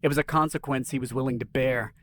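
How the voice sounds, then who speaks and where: A man narrating a scripted science-fiction story in an even, dramatic storytelling manner. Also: mid-range voice, fast.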